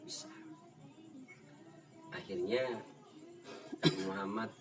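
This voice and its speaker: A man's voice: lowish voice, wildly swooping pitch, very slow, music in the background. A man with a Javanese accent giving an informal religious lesson, acting out dialogue and laughing often. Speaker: ustaz teaching a kitab study. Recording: distant mic with room noise.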